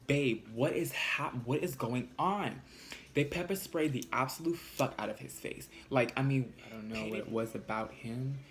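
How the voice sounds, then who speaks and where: A man in a casual storytime vlog, talking fast and loose with plenty of cursing. He sits at an ordinary middle pitch but jumps sharply upward when he quotes people. Faint background noise runs under his voice. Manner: animated, profane, jumps high in pitch when quoting arguments. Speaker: vlogger.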